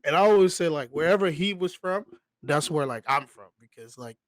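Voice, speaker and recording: A man's voice: fairly high pitch, a little fast. A man born in Guyana, co-hosting a podcast, talking casually with constant "like" fillers. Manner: relaxed, fills every phrase with "like". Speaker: podcast co-host. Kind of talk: casual chat.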